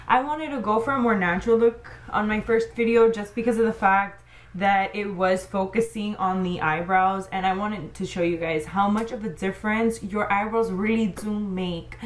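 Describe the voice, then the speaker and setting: A woman beauty vlogger with a medium-pitched voice chats her viewers through a makeup tutorial, informally, as if talking to friends. There's a little hiss or hum in the recording.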